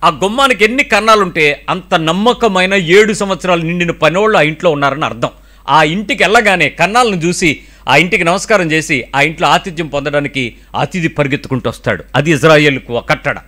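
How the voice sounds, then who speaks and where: A middle-aged male pastor preaching with a high, lively voice. His tone is bright and ringing, and he fires off rhetorical questions and drops in English phrases now and then. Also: fairly quick. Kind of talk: sermon.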